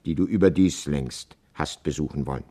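A man's voice: a bass voice, moderate pace, breathy edge, voice pushed down. A man reading the part of a determined horse dealer who speaks to his wife firmly but tenderly in a storybook reading. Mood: calm. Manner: firm, earnest, gently persuasive.

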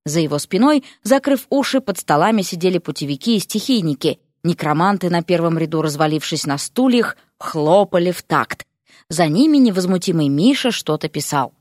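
Lively woman reading an audiobook. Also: lowish voice, moderate pace, dry recording, studio quality. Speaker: audiobook narrator. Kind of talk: expressive fantasy audiobook reading.

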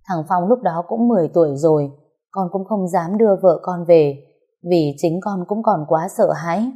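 Woman reading an anxious son, slow, halting, low and soft. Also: lo-fi sound. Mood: pleading. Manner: slow, stammering, pleading. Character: middle-aged son, nervous and apologetic.

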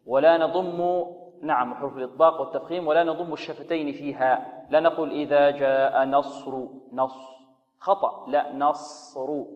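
A man teaching the rules of Quran recitation. He poses questions, answers them himself, and slowly intones sample verses to show the sounds. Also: a little high, long reverb tail, muffled recording. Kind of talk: tajweed lesson on radio.

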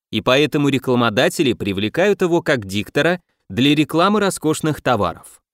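An audiobook narrator with a voice on the high side reads a scripted self-help book, speaking directly to the listener and posing rhetorical questions. The recording is studio quality with no echo.

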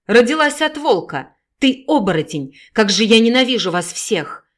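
Spiteful mean mom yelling, loud and nasty, storybook reading, a woman putting her on. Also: mid-range voice, animated, fairly quick, close to an everyday voice. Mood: furious. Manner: loud, scornful shouting. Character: cruel bitter mother, middle-aged woman, spiteful and hateful.

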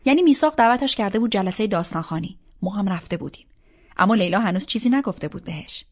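A woman's voice: medium pitch, lively intonation. A woman reading a first-person novel aloud as an audiobook narrator, in a reflective, inward storytelling manner. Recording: slightly dull audiobook recording.

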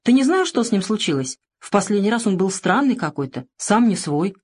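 A woman's voice: mid-range voice, very animated, brisk, darkish tone, breathy edge, voice pushed up. A woman reading the lines of a young male soldier calling weakly from a hospital bed, in an audiobook. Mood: friendly. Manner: weak, friendly.

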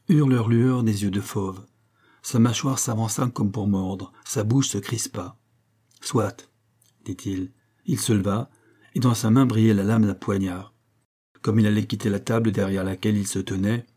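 A man reading a novel aloud as an audiobook, in steady storytelling narration that lifts for the spoken lines. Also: lowish voice, husky. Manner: steady storytelling, raising voice for dialogue. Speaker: audiobook reader. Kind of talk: scripted narration.

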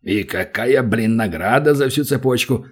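A man voicing a gruff, sullen dwarf in an audiobook, muttering low in a husky voice. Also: animated, normal speed. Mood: suspicious. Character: gruff male dwarf warrior, grumbling and sullen.

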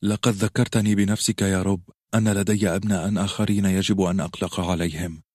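Brief: male reader as a decisive noble mother, lower voice, dry read. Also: steady tone, fast, a little mellow, breathy edge, dry recording. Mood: firm. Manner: firm, decisive. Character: resolute noblewoman mother, firm.

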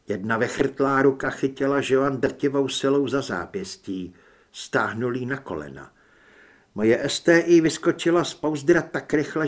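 A man narrating an audiobook in a dramatic way, acting out the dialogue as he reads. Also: medium pitch.

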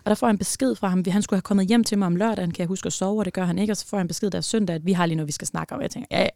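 A young woman telling a personal story as a podcast guest, animated and emotional, with many fillers. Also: medium pitch, vocal fry, no echo, studio quality.

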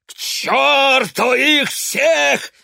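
Here is a bellowing old father in a spoken storybook. He rants in a strained, gravelly howl that is pitched far above a normal speaking voice, and he stretches every word. His rage keeps turning into self-pity. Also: animated, pushed and bright, no echo, studio quality, heavily acted. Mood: raging. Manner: bellowing, drawn-out cursing.

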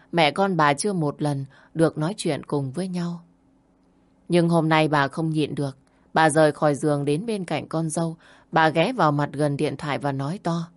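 Woman storyteller, low voice, calm and steady narration.

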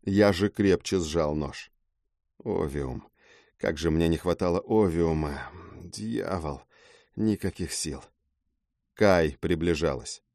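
A man's voice: sits low, slow pace, gravelly, long pauses, a little mellow, no room sound, clean studio sound. A man narrating a fantasy audiobook in the first person with a dramatic delivery.

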